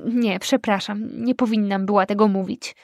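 Nina: kobieta czytająca jako cicha, zatroskana młoda przyjaciółka. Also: female voice, mid-range voice, steady tone, dry recording, clean studio sound, natural voice. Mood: smutna, kojąca. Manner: soft, hushed, slow speech. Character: gentle, worried young woman friend.

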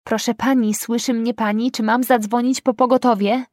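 A woman reading a brisk, concerned woman driver. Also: a little high, fairly even intonation, darkish tone, no echo, studio quality, lightly acted.

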